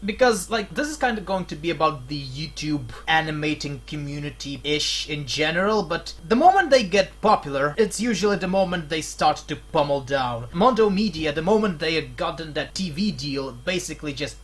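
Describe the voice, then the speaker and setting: A man with a Slavic accent chatting loosely on a home podcast. His voice is a little husky, and he stumbles and restarts his phrases as he goes. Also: a little high, animated, a bit bright. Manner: halting, stuttering, restarts often, laughs between phrases. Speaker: podcast co-host. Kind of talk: casual rambling chat.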